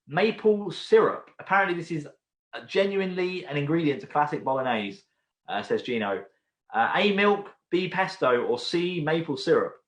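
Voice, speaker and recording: A UK man with a fairly high, bright-toned voice hosts an online pub quiz from a room at home, and the recording sounds roomy. He chats casually, rambles between questions, and reads each question twice.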